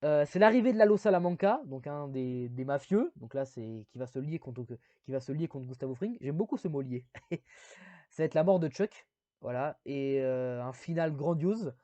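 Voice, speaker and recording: A man's voice: on the high side, lively intonation, normal speed, dark tone, no echo. A man giving a casual spoken video review, rambling with many fillers and self-deprecating asides.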